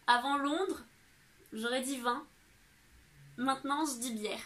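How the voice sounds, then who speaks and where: A woman's voice: high-pitched, slow, fairly bright tone. A young woman from France answering viewer questions in a casual, chatty vlog, with fillers and small laughs. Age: young adult. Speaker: vlogger.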